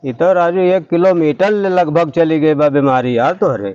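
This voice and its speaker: A man with an Awadhi accent playing a smooth-talking village doctor in a rustic comedy skit. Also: fairly high pitch, moderate pace, a little mellow, no echo, highs cut off. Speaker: fake doctor in a comedy sketch.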